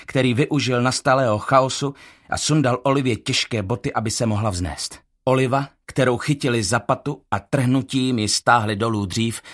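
A man reading a first-person audiobook in a measured, tense storytelling manner. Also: lowish voice, fairly bright tone. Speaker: audiobook narrator.

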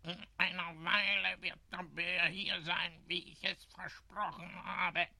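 A man voicing a fretful, scatterbrained male jay bird who carries the post, in a gravelly, excitable voice. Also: sits high, takes it slowly, pitched above the performer's own voice, exaggerated voice. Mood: eager. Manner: sighing, excitable.

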